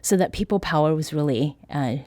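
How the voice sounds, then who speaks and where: A public radio host conducting an interview in a measured, articulate way with full, considered questions. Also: male voice, a little high, a little mellow.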